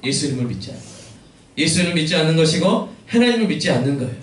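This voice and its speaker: A man's voice: on the high side, sing-song, very fast, distant mic. A man preaching a sermon as pastor, asking his congregation questions and answering them himself. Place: church sanctuary. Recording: echoey church hall, mic from afar.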